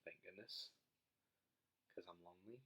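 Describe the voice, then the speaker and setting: A man's voice: sits low, moderate pace, bright, forceful tone. A young man from Mississippi with a Southern US accent hosting a podcast, chatting in a casual, rambling, slangy and laid-back way. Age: young adult. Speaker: podcast host. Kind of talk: casual rambling vlog chat. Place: small home studio. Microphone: dedicated podcast microphone.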